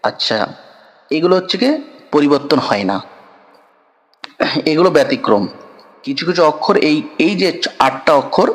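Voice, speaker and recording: A man teaching a children's Quran reading lesson, drilling letters slowly and patiently and asking the pupils questions. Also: on the high side, animated, long reverb tail.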